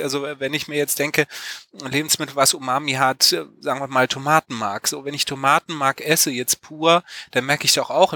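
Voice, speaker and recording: A man's voice: on the high side, bright, forceful tone, no echo. A man co-hosting a podcast who asks questions in a musing, tentative way, often hedging and restarting his sentences. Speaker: podcast co-host asking questions. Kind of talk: casual podcast conversation.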